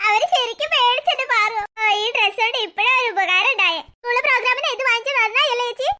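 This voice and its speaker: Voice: very high voice, fast talker, sharp tone, exaggerated voice. A voice actor playing a cheeky young girl who is smug about a prank. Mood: gleeful. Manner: gleeful, smug. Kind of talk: cartoon voice acting.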